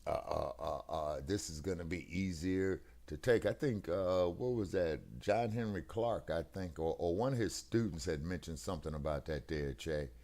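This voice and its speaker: A man with a deep, low-pitched voice, heard over a video call through a headset while the connection breaks up now and then. His manner is emphatic and preachy, and he keeps checking whether his listener follows. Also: normal speed, few pauses, darkish tone. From United States. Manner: emphatic, preachy, keeps asking "you see what I'm saying?". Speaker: co-host of a talk stream. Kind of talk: casual political discussion.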